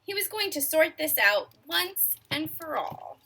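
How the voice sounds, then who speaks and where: Bright, lively woman reading to kids. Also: sits high, unhurried, slight background noise. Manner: expressive, asks young listeners questions. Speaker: storyteller reading a picture book. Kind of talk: children's read-aloud.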